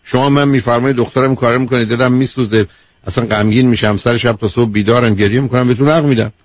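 Husky man lecturing emphatically on radio. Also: mid-range voice, steady tone, no echo. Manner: emphatic, lecturing, repeats key points, calls the caller "dear". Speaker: radio advice host, a doctor. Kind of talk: call-in radio counselling. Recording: dull lo-fi radio broadcast.

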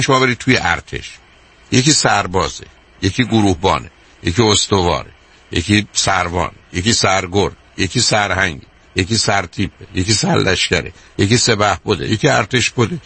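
A man's voice: lowish voice, sharp tone, slightly rough. An older man hosting a radio call-in advice show, talking emphatically and repeating his points, calling the caller dear.

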